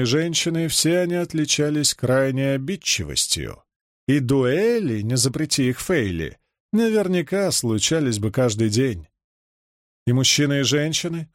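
A man narrating a fantasy novel in a steady, measured storytelling voice. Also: a little high, dry recording, clean studio sound. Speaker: audiobook narrator. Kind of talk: scripted narration.

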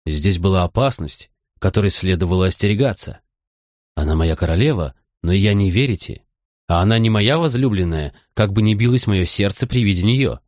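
Male narrator, low voice, first-person audiobook reading, measured, dry close sound. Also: a little mellow, no echo.

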